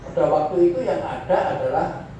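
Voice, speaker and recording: A man teaching Arabic grammar in a classroom lecture, slowly repeating Arabic phrases to show how the intonation rises and falls. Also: on the high side, lively intonation, mellow, lo-fi sound. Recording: echoey room, voice from far off, faint noise.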